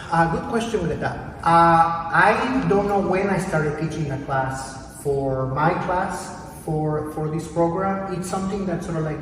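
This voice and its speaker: A middle-aged man from Mexico, a professor and program director, answering interview questions in a measured, reflective way, often searching for words. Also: on the high side. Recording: echoey hall, distant mic, background noise.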